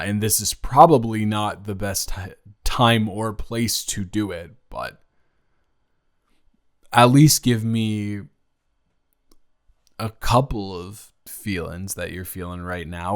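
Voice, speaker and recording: In an improvised romantic audio roleplay, a man plays a nervous young college athlete who is smitten and reunited with a childhood friend, rambling and stammering earnestly. His voice sits on the low side and moves slowly, with a tender, nostalgic mood.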